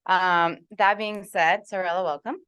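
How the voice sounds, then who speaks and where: Smooth-voiced woman moderating a panel. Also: on the low side, steady tone, fairly bright tone. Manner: many fillers, thoughtful pauses. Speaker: policy fellow and moderator. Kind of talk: panel discussion.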